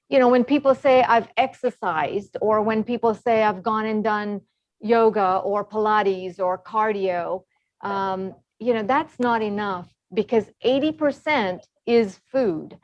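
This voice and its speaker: A middle-aged woman from Zambia, an Ayurvedic consultant, giving a relaxed talk full of ums over a video call. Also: medium pitch, dry recording. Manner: relaxed, many ums, explanatory. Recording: slightly dull video call audio.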